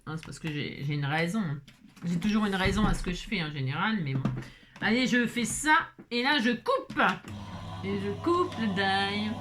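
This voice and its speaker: A woman's voice: medium pitch, expressive, normal speed, over music. A woman talking casually while making a card, chatty and self-mocking with frequent exclamations. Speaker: crafting vlogger. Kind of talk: chatty crafting tutorial.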